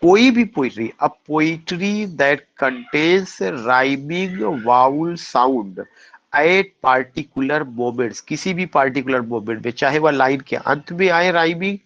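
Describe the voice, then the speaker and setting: A male teacher giving an exam-prep lecture, asking questions and answering them himself, reading English lines slowly. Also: a little high, animated, a bit bright, no echo. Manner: explains in Hindi, reads English lines slowly. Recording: dull dry recording.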